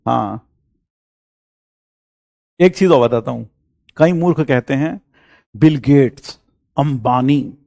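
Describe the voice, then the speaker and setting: A middle-aged male coaching teacher lectures students in a fairly high voice. He talks earnestly and repeats key phrases for emphasis. The sound is dry and close. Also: creaky, a little mellow, dry recording. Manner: teasing sarcasm turning earnest, repeats phrases.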